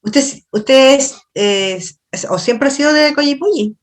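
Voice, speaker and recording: Over video, a university lecturer in her middle years with a Chilean accent gives an online class. She's conversational, fires questions at students, and her explanations come haltingly. The voice sits high and sounds expressive.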